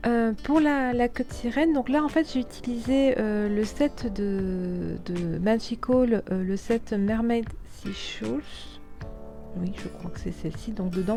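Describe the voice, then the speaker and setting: A woman talks through a craft tutorial in a mellow, relaxed voice. She hesitates often and restarts her phrases as she explains. Soft music plays faintly under her voice. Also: mid-range voice. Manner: hesitant, many fillers and restarts. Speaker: scrapbooking tutorial host. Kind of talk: casual voice-over tutorial.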